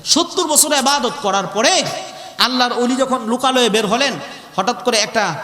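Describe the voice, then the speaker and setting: A man's voice: extremely high pitch, normal speed, sharp tone. A male preacher giving a sermon at a large religious gathering, calling out questions to the crowd and mimicking regional dialects. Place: large gathering under a tent. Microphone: handheld or stand microphone with PA. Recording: echoey PA sound in a big space.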